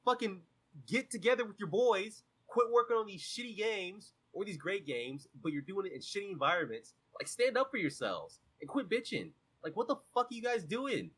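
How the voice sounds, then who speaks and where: A man's voice: high voice, lively intonation, normal speed, fairly bright tone, husky. A man co-hosting a casual gaming podcast, ranting sarcastically and swearing often. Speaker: podcast co-host.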